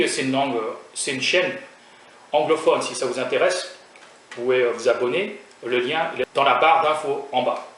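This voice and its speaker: In this food vlog, a young man raised in France talks casually in a medium-pitched, slightly bright voice, hesitating with many fillers and restarts while poking fun at himself. He is recorded from a distance, off mic, in an echoey room with faint noise.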